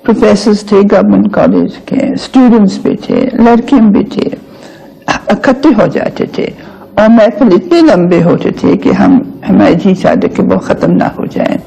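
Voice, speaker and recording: A man recalls evening gatherings fondly in an interview, speaking in a slightly halting way. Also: high voice, wildly swooping pitch, gravelly, mellow, slightly rough, poor audio. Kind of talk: reminiscing interview.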